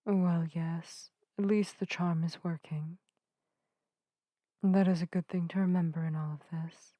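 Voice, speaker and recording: In an intimate narrative ASMR roleplay addressed to the listener, a woman plays a gentle witch, speaking softly in a warm, relaxed, fairly low voice at a slightly slow pace. Her delivery is earnest, apologetic and soothing, with quaint, old-fashioned formal phrasing. The close microphone sits in a dry space with no echo.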